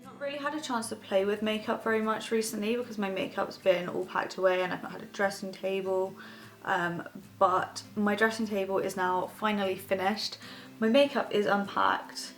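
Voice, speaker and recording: Her voice sits at a medium pitch, even in tone and at a normal speed, over soft background music. Perched on her bed, the young beauty vlogger chats and wanders a bit off topic while doing her makeup for a casual get-ready-with-me tutorial.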